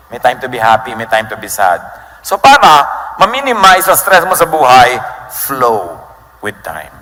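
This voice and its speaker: A man's voice: medium pitch, bright, forceful tone. A middle-aged Filipino man preaching a sermon, switching between Tagalog and English and quoting scripture with big dramatic swings. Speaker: pastor. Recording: long hall reverb with faint noise.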